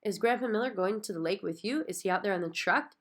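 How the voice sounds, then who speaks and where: Bossy little girl, eager and pushy, pitched up high; a woman puts on the voice. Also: fast, natural voice. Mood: excited. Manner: eager, insistent, repeats herself.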